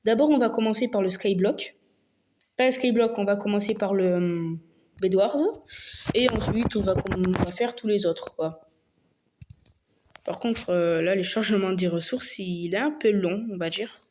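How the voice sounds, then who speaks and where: A woman's voice: mid-range voice, normal speed, a little mellow, a little hiss or hum. A woman hosting a gaming video, talking through her gameplay casually and hesitantly, with lots of fillers and restarts. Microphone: phone.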